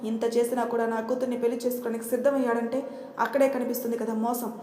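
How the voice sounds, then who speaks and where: A storyteller putting on a scheming middle-aged mother who makes a loud, theatrical show of her grievances. The voice is fairly high, and the recording carries a roomy echo. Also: little pitch movement, quick pace, a little hiss or hum, close to an everyday voice. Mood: indignant.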